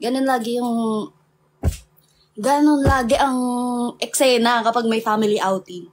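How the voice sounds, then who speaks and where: A woman's voice: fairly high pitch, normal speed, slight background noise. A young woman with a Filipino accent, chatting casually with viewers on a livestream, laughing often and mixing English in. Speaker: livestream host.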